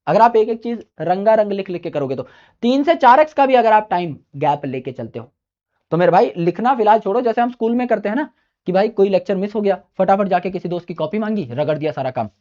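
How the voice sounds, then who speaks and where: A man's voice: high-pitched, animated, quick pace, darkish tone. Guy teacher giving study tips, casual and pushy, keeps repeating himself, kinda muffled audio. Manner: chatty and emphatic, repeats key points, addresses listeners as brother. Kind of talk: informal study-advice lecture.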